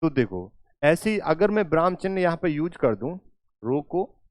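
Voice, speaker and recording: A male teacher giving a lecture who repeats phrases slowly and keeps checking that students follow. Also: a little high, big pitch swings, dry recording, studio quality. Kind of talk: classroom lecture with examples. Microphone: recording while writing on a board.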